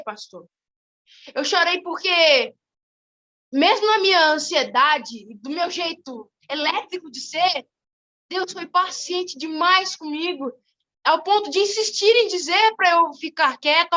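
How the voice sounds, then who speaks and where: A teenage girl giving an animated church testimony, telling her story in a quick, lively way. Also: very high voice, lo-fi sound. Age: teens. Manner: animated, fast-moving storytelling. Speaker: testimony giver.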